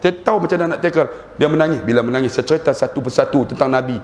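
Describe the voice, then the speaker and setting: A man's voice: medium pitch, very fast. A middle-aged Malaysian man giving a religious lecture to a congregation, telling stories with humor and acting out the people in them. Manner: animated storytelling, acting out quoted voices with humor. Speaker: preacher. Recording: roomy hall echo, faint ambience.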